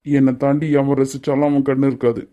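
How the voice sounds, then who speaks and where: A woman's voice: extremely low pitch, flat delivery, fast talker, mellow, muffled recording. A woman doing a lovestruck young cartoon man. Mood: tender. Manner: coaxing and playfully bossy. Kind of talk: cartoon voice acting.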